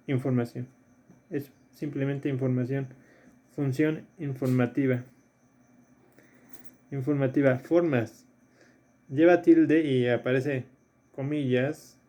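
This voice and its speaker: Un hombre, profesor de filosofía, da una clase a distancia y repasa ejercicios paso a paso. Repite los términos clave y pregunta "¿sí?" a menudo. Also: male voice, medium pitch, dark tone. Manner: explains step by step, repeats key terms, checks in with "¿sí?". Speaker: philosophy teacher. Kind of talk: recorded remote lesson reviewing exercises.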